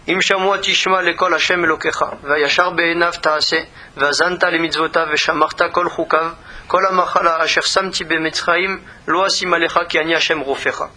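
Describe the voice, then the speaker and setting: A man's voice: on the high side, sharp tone, slight background noise. A man giving a religious Torah lesson in an earnest manner, often repeating words as he searches for the next one. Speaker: rabbi teaching Torah.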